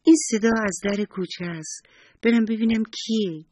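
A man voicing a kind, gentle old woman in a children's bedtime story, with a soft, sighing manner and a husky voice. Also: sits high, no echo, voice pushed up. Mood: curious.

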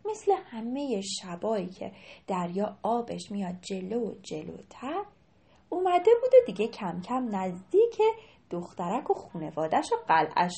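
A young woman narrating a children's story, animated and sometimes dropping to a hushed whisper. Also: on the high side.

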